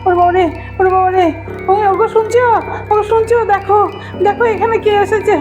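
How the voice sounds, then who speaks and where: A woman's voice: fairly even intonation, brisk, a little mellow, faint music behind. A woman playing a frightened mother who pleads and cries out over and over. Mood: terrified. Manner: shrill, repeated pleading cries. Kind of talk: comic horror skit acting.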